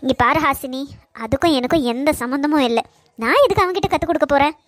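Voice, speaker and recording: A woman voicing a calm, puzzled senior college girl in a cartoon. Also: high voice, quick pace, no room sound. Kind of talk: Tamil cartoon voice acting.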